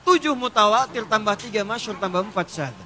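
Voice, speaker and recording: A male preacher giving a lively storytelling sermon, now and then chanting verses slowly. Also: high voice. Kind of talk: Islamic sermon.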